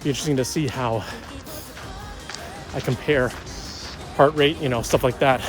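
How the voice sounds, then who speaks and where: A man's voice: medium pitch, moderate pace, music in the background. A young man vlogging on a run outdoors, out of breath, joking loosely with lots of fillers. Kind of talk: casual vlog chat.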